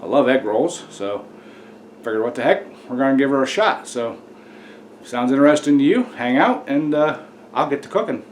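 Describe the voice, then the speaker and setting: A folksy American man hosts a home cooking video, chatting casually to his viewers. His voice sits at an ordinary male pitch. There is clear kitchen noise behind him as he talks through the dish. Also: animated, moderate pace. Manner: folksy, addresses viewers as y'all. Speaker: home cooking vlog host.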